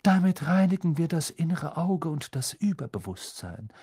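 A man voicing an eccentric older female fortune-telling teacher in an audiobook, drawn-out and airy, at times sinking to a breathy whisper. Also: fairly high pitch, sing-song, mellow, pitched above the performer's own voice, heavily acted. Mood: mystical, solemn. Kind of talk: audiobook character voice.

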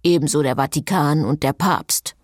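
A woman voicing an ancient, cold and commanding male vampire who speaks slowly and curtly in an audiobook. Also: sits low, no echo, clean studio sound. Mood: aloof. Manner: slow, curt and commanding.

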